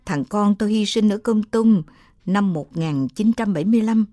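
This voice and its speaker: Woman narrator doing an old grieving father, slow murmur, warm low tone, dry close sound. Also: dry recording, lightly acted. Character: grieving old father carrying son's remains.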